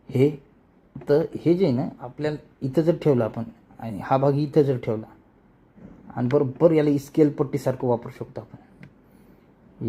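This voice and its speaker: Mellow and mid-range, this man's voice carries a rural Marathi accent from Maharashtra over slight background noise. As an animation tutorial creator, he explains things step by step in a relaxed, colloquial way, frequently repeating words while demonstrating.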